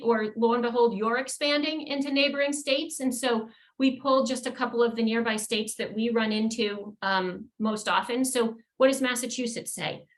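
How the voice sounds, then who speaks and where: This woman's voice is fairly high and fairly bright as she presents a professional webinar as an attorney. She lays out points in a measured manner, occasionally using fillers or starting over.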